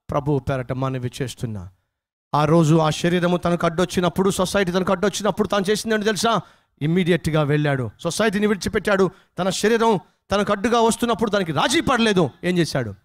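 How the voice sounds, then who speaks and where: High voiced preacher guy, fired up sermon, keeps hammering the same questions. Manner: impassioned, repetitive rhetorical questions.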